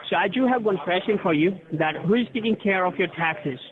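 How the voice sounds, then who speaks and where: This phone call features a man with a high voice speaking briskly, passing himself off as a tax officer in a scam. He gives an official-sounding, formal scripted pitch with step-by-step instructions, and the line is tinny with crowd chatter in the background.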